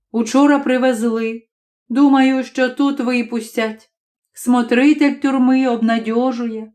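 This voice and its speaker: A woman narrating an audiobook in an expressive storytelling manner. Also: on the high side.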